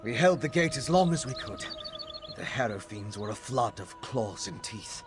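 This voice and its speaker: Voicing a wry, self-mocking male vampire scholar for a video game, the actor speaks at medium pitch with lively intonation, a moderate pace and a natural voice. His manner is musing and self-deprecating, and background music plays.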